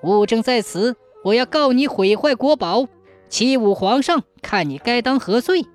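Witty young scholar, cocky and unbowed, voiced by a woman, somewhat high pitch, light music underneath. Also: expressive, unhurried. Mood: self-assured. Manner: self-assured and sharp-tongued. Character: bold, quick-witted young male scholar.

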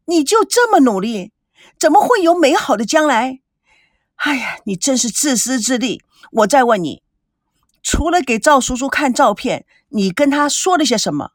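A woman's voice: high voice, expressive, moderate pace, dry recording, studio quality, voice pushed up. A woman voicing a spoiled, angry young woman who scolds and interrogates sharply in an audiobook. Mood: scolding. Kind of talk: audiobook character reading.

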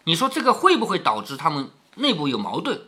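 A man reading a classic novel aloud to his daughter, pausing to explain and asking her rhetorical questions. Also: on the high side, wildly swooping pitch, pushed and bright, breathy edge. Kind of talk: storybook reading with commentary.

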